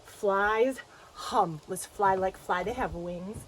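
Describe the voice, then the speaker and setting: A woman's voice: medium pitch, takes it slowly, a little hiss or hum, poor audio. A woman hosting a children's lesson, talking playfully and directly to the kids watching. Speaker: children's educator and show host.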